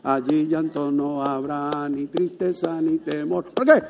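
A male pastor preaching a lively sermon to his congregation, joking and rising to loud exclamations. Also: fairly high pitch, a little slow, creaky. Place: church. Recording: long reverb of a church hall.

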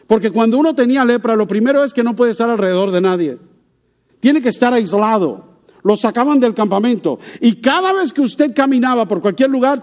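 Animated high-voiced male preacher. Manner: animated preaching, asks the congregation questions. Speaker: pastor. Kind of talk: sermon.

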